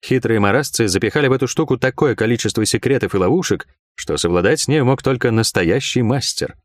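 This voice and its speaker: A man narrating a first-person fantasy audiobook in a wry, expressive way. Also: medium pitch, quick pace, no echo, clean studio sound.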